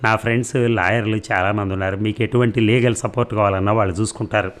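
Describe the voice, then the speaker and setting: A man voicing a calm, reassuring middle-aged male bank officer in an audiobook reading, steady and polite. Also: on the low side, fast talker, natural voice.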